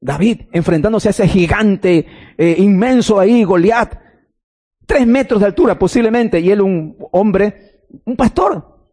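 A man's voice: high-pitched, animated, unhurried, dark tone. A man preaching a sermon, telling a story and acting out the lines of the people in it.

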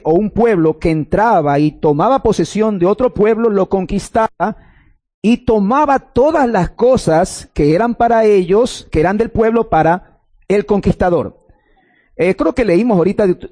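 A pastor preaching a sermon, reading scripture and explaining it in measured phrases with pauses. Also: male voice, sits high, a little mellow.

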